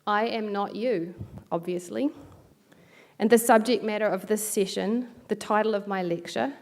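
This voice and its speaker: A middle-aged New Zealand woman with a local accent gives a reflective academic keynote lecture, sprinkling in light self-deprecating asides. Her voice is mid-range and a little mellow, delivered at a moderate pace.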